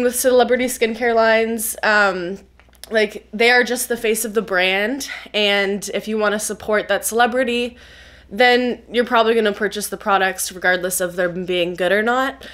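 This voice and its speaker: Medium in pitch and a bit bright, this young woman's voice is nasal and congested from a cold. As a skincare reviewer and biochemist on YouTube, she talks through a casual explanatory review with frequent "um"s.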